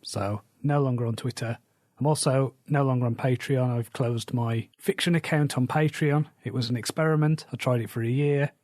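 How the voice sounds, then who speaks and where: A man's voice: medium pitch, steady tone, moderate pace, darkish tone, no room sound, studio quality. A man recording his weekly author diary while losing his voice, sitting still and in pain, talking in a plain, matter-of-fact way. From England. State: losing his voice, slightly rough. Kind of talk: casual spoken diary. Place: indoors, seated at home.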